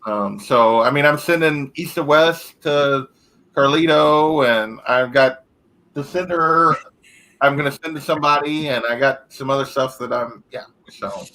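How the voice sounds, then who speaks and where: A man's voice: mid-range voice, a little slow, sharp tone, poor audio. A man chatting as a guest on a video call, hesitant and full of trailing thoughts. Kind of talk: casual chat on a video call.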